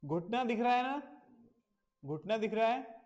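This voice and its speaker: Male teacher, children's lesson, high voice, unhurried, spells words letter by letter, repeats answers patiently. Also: lively intonation, a little mellow. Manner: mixes Hindi with simple English phrases. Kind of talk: classroom English lesson for children.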